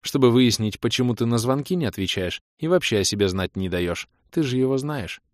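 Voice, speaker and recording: A man's voice: medium pitch, lively intonation, dry recording, clean studio sound, close to an everyday voice. A man voicing a worried middle-aged mother who nags and fires off anxious questions. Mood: fretful. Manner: anxious, nagging, rapid questions.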